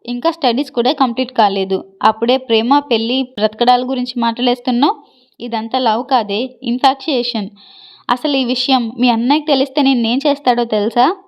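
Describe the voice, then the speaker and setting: A woman's voice: on the high side, fairly even intonation, a little fast, lightly acted. A woman voicing an angry, sarcastic young man in a read-aloud love story, blunt and scolding. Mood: scornful. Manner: scornful, mocking. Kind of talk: storybook reading.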